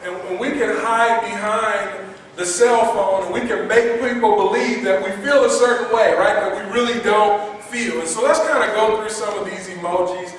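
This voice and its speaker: A man preaching a sermon as pastor, lively and playful, repeating words for emphasis and quizzing the congregation in a chatty way. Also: high-pitched, moderate pace, slight background noise. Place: church hall. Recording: echoey hall from far off.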